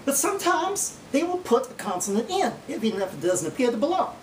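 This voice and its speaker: A woman putting on a proud, folksy Oklahoma woman who lectures in an emphatic, drawn-out Okie accent. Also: sing-song, darkish tone. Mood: proud, explanatory. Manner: slow drawn-out drawl, emphatic. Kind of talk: mock lecture on dialect. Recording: roomy, distant mic, faint rumbling noise.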